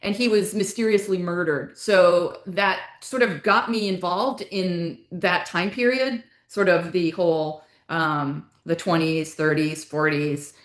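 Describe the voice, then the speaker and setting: An author and playwright, a woman with a lowish, fairly even voice, chats casually as an interview guest about her own creative work. She speaks at a measured pace with hardly any pauses, rambling and backtracking mid-sentence. The room sounds echoey and roomy.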